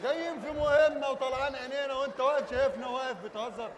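An actor with an Egyptian accent playing a pompous militant prince on stage, mixing stiff classical speech with street talk. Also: male voice, very high voice, steady tone, very fast, lo-fi sound, a crowd in the background, noisy background. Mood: exasperated. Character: blustering self-important militant prince, adult man. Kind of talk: live stage comedy. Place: theater stage before a live audience. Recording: echoey theater hall with audience.

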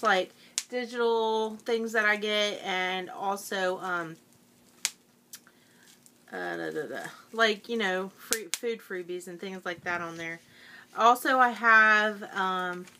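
A middle-aged woman talking straight to her viewers in a loose, rambling way. Her voice is bright and forceful, full of "um" and "like" as she goes. She sounds relaxed and homey, as if talking to friends. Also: medium pitch, a little hiss or hum. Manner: rambling, many fillers, chatty. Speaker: vlogger. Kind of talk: casual chat to camera.

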